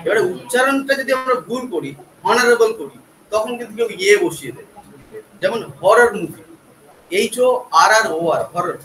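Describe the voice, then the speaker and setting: Male teacher from West Bengal, high bright voice, patient letter-by-letter explainer, recorded from afar in a roomy classroom. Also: expressive, normal speed. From West Bengal, India. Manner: explains patiently, spells words letter by letter, asks rhetorical checks. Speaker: English teacher. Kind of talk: classroom grammar lecture. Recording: echoey classroom from far off, faint background noise.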